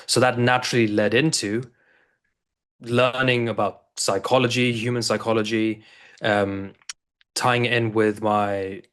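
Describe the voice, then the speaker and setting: A man's voice: on the low side, flat delivery, measured pace, a bit bright. A man in his thirties from South Africa, a coach and guest on an interview show, telling his story in a loose, rambling way with many restarts. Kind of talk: casual interview talk.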